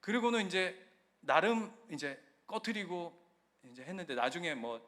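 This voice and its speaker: Animated Korean pastor preaching. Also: male voice, high voice, moderate pace. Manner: animated preaching, swings from loud emphasis to quiet storytelling. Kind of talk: sermon.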